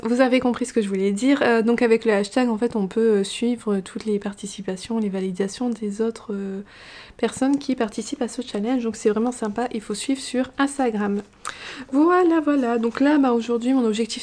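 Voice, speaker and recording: Chatty woman, mellow voice. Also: a little high. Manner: chatty, many fillers and restarts; hushed, half-whispered talk. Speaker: knitting vlogger. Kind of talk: casual chat.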